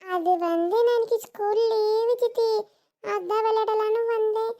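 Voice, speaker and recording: Woman doing a squeaky excited little girl. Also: normal speed. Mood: excited chatter. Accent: southern Tamil Nadu. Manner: eager, chattering.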